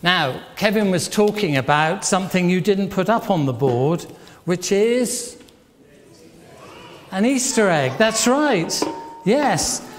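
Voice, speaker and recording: An older man addresses a congregation in a church hall, his high-sitting voice animated but unhurried. Leading an all-age service, he poses questions and approvingly repeats the responses. Faint noise and echo fill the recording.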